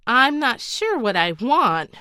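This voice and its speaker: A woman's voice: a little high, big pitch swings, slow, pushed and bright, no echo, clean studio sound, pitched above the performer's own voice, exaggerated voice. Woman voicing a timid young boy king. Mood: anxious.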